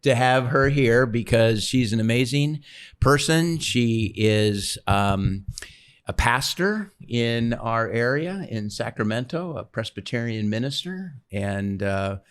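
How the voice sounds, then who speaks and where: A man co-hosting a podcast, relaxed, conversational and encouraging. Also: medium pitch, slow, smooth. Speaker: podcast co-host. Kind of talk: casual podcast talk.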